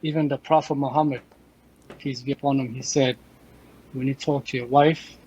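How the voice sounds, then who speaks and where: A man in his thirties from Afghanistan, a podcast guest, speaks in a direct, measured way and repeats phrases for emphasis. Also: mid-range voice, steady tone, a little mellow, slightly rough, highs cut off. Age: 30s. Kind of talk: casual chat.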